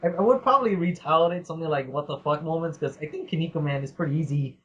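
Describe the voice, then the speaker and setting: Very fast and a bit bright, a man's high-leaning voice leads a casual podcast Q&A. He reads listener questions, rambling, laughing often and swearing, over dull lo-fi audio.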